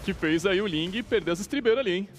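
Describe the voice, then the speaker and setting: Brazilian male esports analyst, fairly high voice. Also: quick pace, soft background music. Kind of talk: conversational live match analysis.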